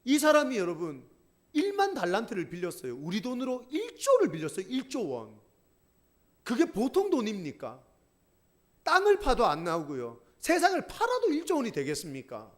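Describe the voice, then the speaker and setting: A man preaching a sermon as pastor, telling a story in an animated way and addressing the congregation. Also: very high voice, moderate pace.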